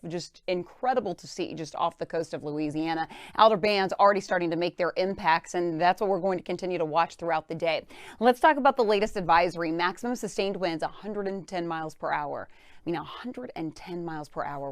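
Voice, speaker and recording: A woman's voice: lowish voice, dry recording, studio quality. A woman presenting a live hurricane weather update as a forecaster, stressing key words emphatically.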